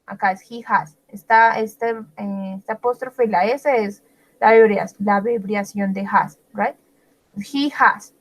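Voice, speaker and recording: A woman teaching English grammar in a bilingual lesson, explaining step by step, checking in often with her students, and slowing down to read out example sentences. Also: mid-range voice, low-quality recording. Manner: explains patiently, switching between Spanish and English, many check-ins.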